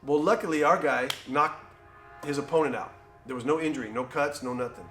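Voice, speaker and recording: Man, cutman guest in an interview, lively storyteller, slightly high voice, echoey room. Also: brisk, soft background music. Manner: animated, acts out quoted exchanges. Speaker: cutman and trainer.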